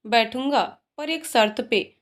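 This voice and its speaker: A woman's voice: fairly high pitch, slow pace. A woman voicing a playful, loving young male professor in a told story, teasing and coaxing. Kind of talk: storytelling voices.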